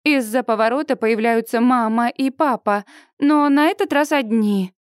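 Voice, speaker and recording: Bright, dry-voiced woman reading an audiobook. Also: on the high side, moderate pace, clear, resonant tone, no echo. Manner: lively, expressive reading. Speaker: audiobook narrator. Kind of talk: first-person audiobook narration.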